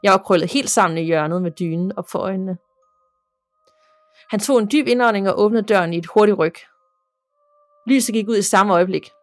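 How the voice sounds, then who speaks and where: Woman, podcast narrator, ghost story reading, steady measured delivery, dry close sound, faint music. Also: mid-range voice, dry recording.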